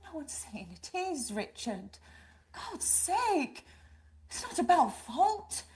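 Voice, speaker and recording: An actress playing an exhausted mother who scolds her husband forcefully. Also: high voice, very animated, slow, exaggerated voice. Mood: angry. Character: exhausted, fierce British mother and wife.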